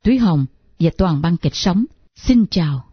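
A woman's voice: lowish voice, animated, measured pace, breathy edge, no room sound. A woman radio announcer giving a formal sign-off at the end of a radio drama. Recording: dull lo-fi old radio recording with music.

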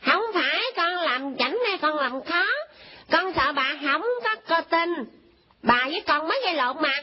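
An actress playing a sharp-tongued little village boy who talks back. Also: high-pitched, animated, normal speed. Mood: cheeky. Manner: talks back, smart-alecky. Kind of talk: comedy skit acting. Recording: dull lo-fi recording.

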